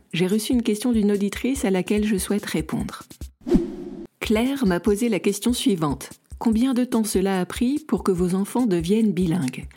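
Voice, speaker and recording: A woman's voice: medium pitch, dark tone. A woman from France, a parent, hosting a podcast in a friendly, informative way with light self-mocking asides. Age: adult parent of school-age children. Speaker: podcast host. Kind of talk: scripted podcast narration.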